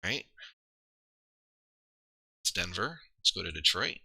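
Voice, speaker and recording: A man on a live stream, chatting in a loose, rambling way and laughing at his own slips. His voice is very bright and forceful and a bit low for a man. It is recorded dry and close, with no room sound. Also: sing-song, slow pace, vocal fry, slightly rough, no room sound. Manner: rambling, self-deprecating, trails off and restarts. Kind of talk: casual live-stream commentary.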